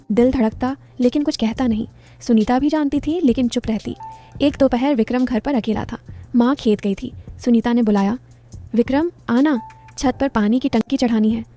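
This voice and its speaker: Female story narrator, steady and descriptive; slightly high, mellow voice over faint music.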